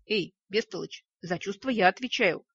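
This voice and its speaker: A woman voicing the raspy, mournful right half of a brain, grumbling in a storybook. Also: medium pitch, moderate pace, fairly bright tone, dry recording, lo-fi sound.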